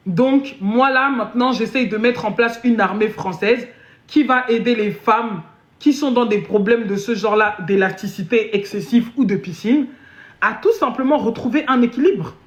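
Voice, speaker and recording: A woman live streaming a comedic chat, boasting and switching into deliberately broken English. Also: on the high side. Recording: dull echoey room audio.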